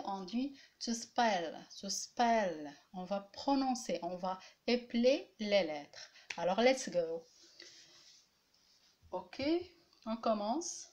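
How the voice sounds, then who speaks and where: Patient, slow-talking woman teacher. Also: medium pitch, highs cut off. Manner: patient, repeats each letter and point many times. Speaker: language teacher. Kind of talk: classroom-style lesson.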